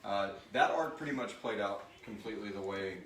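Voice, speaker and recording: He speaks a little fast in a lowish, slightly bright voice with lively intonation, hosting a joking, casual live Q&A as a podcast creator. Questions get read aloud and answered conversationally for a group in a room during a live stream. Expect a roomy, noisy recording from a far-off mic.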